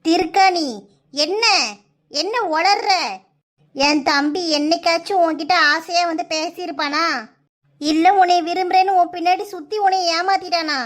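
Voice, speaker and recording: Indignant cartoon village mother voiced by a woman; very high, reproachful, southern Tamil Nadu accent. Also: steady tone, moderate pace. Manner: reproachful, scolding.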